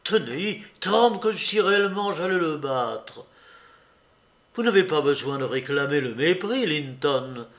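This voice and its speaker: Man doing a proud young woman, hot-tempered, sharp, scolding, lifted pitch, audiobook character. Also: expressive, measured pace. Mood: exasperated. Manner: sharp, raised, reproachful voice.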